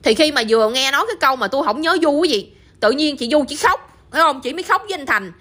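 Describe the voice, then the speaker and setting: Southern vietnamese woman telling a story, chatty, high quick voice. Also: expressive, pushed and bright. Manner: chatty, addresses listeners often with tag questions. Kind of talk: casual spoken storytelling.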